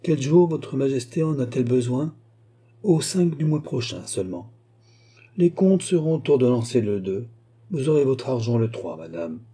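Guy reading as slick court minister, smiling and sure of himself, dark husky voice. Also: medium pitch, sing-song, normal speed. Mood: assured. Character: smooth scheming male royal finance minister.

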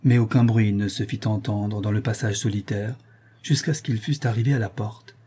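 A male audiobook narrator reading a classic novel in a measured, steady way. His voice is husky and mellow, with a dark, soft tone. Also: lowish voice. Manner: measured storytelling. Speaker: audiobook reader. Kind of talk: scripted narration.

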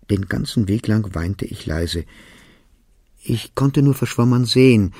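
A man reading a literary novel aloud in the first person, with a calm, deliberate, intimate delivery. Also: on the low side, slightly rough, no room sound, studio quality. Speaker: audiobook reader. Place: recording studio.

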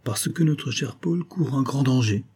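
A man reading an audiobook, voicing a smooth-talking older viscount with falsely affectionate manners. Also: mid-range voice, a little slow, darkish tone, pitched above the performer's own voice. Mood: honeyed.

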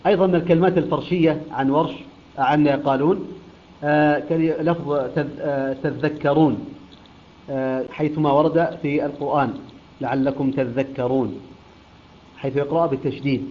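A man teaching Quran recitation, speaking deliberately with many hesitant restarts and filler sounds, repeating words slowly to show how they are pronounced. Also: a little high, steady tone. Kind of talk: recitation lesson. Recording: dull lo-fi recording.

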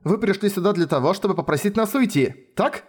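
A man voicing a calm, firm young princess in an audiobook reading, with a cool, unruffled delivery. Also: high-pitched, fairly quick, husky, voice pushed up.

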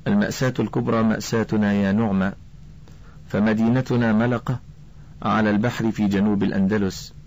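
Firm devout father, storybook figure, grave delivery, lowish voice, narrator doing it. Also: level tone, a little fast, darkish tone, close to an everyday voice, low-quality recording. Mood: bitter.

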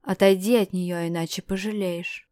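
A woman's voice: on the low side, fairly even intonation, moderate pace, darkish tone, no room sound, lightly acted. Woman voicing a stern commanding prince. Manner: firm, harsh and possessive.

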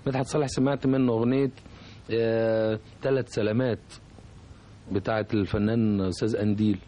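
Mellow-voiced Egyptian composer. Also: male voice, lowish voice, little pitch movement, a little fast. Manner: reflective, hesitant, searching for words. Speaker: composer, guest. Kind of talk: radio interview.

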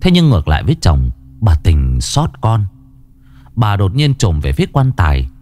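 Dramatic male ghost story narrator. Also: normal speed. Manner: expressive, swinging pitch. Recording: narration over background music.

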